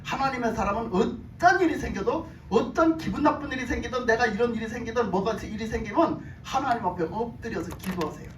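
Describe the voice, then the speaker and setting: A woman's voice: on the high side, fairly quick, few pauses. A woman pastor preaches in a church, retelling a story with repeated phrases and questions to the congregation. Her voice echoes around a roomy hall. It is picked up from a distance with a faint hiss behind it. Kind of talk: sermon. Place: church sanctuary.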